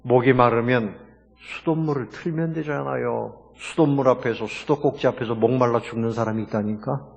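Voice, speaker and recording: A man's voice: mid-range voice, normal speed, creaky, in a large hall, muffled recording. A man preaching a sermon as pastor, emphatic and full of rhetorical questions to his congregation.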